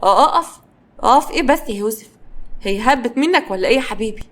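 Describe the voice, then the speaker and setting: A woman's voice: fairly high pitch, animated, very fast. A woman voicing an overconfident, boastful young man with a teasing manner and an Egyptian accent. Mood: cocky. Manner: cocky, teasing.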